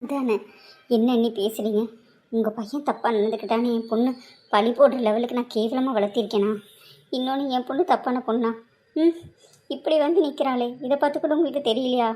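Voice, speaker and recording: A woman's voice: a little high, fairly even intonation, fairly quick, warm tone, lightly acted. A woman voicing a middle-aged aunt in a cartoon drama, who laments and defends her son. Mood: distressed. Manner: distressed, pleading, lamenting.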